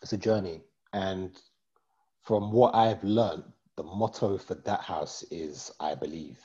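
Host: guy, very low voice, laid-back and jokey, on a dull lo-fi video call. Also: fairly even intonation, takes it slowly, dark tone. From East London. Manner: joking, laid-back, rambling. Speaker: podcast host. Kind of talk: casual chat about astrology.

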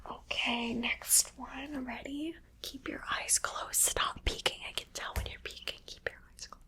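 A woman whispering softly into a close microphone, coaxing and praising the listener through an ASMR guessing game. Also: sits high, fairly even intonation, measured pace, slightly rough. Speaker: ASMR creator. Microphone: close sensitive microphone.

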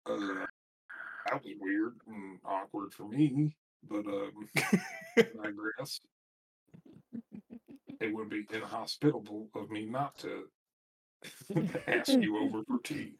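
Man, husky voice, lively pitch, joking, rambling, tabletop player. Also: slow, pauses often, poor audio. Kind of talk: casual tabletop role-play.

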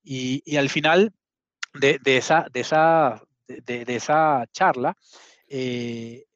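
A man's voice: medium pitch, fairly even intonation, slow pace, no room sound. Earnest man, muffled dry sound. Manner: earnest, many restarts. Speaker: guest. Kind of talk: conversational storytelling.

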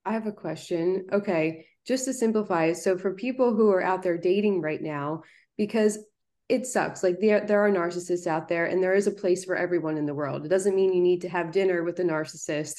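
A woman with a somewhat low voice hosts a podcast. She puts her questions casually, repeating words and using "like" often. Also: a little fast, a little mellow. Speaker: podcast host. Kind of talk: casual chat.

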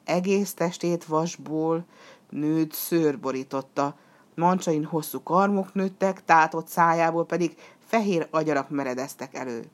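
A woman reading a storybook aloud, measured and expressive. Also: low voice.

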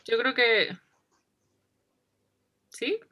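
A woman's voice: a little high, animated, extremely slow, sharp tone. A woman, reflecting in a casual interview, who repeats herself and laughs often. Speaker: interview guest.

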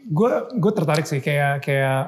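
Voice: mid-range voice, lively intonation, unhurried. An interviewer asking casual, slangy questions and mixing English phrases into the talk. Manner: casual slang, mixes English, attentive backchannels.

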